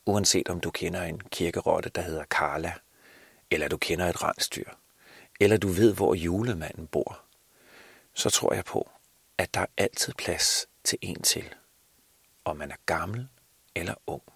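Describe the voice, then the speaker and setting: A man's voice: low voice, gravelly, long pauses, a bit bright, breathy edge, no room sound. A man telling a Christmas story aloud, hesitant, restarting often and sometimes dropping to a whisper. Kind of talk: improvised Christmas story narration.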